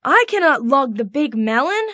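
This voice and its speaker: A woman's voice: high-pitched, very animated, moderate pace, pushed and bright, no echo, clean studio sound, exaggerated voice. A woman voicing a young, earnest storybook child with simple careful phrasing, as if reading to a toddler. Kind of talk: storybook character voice in a reading lesson.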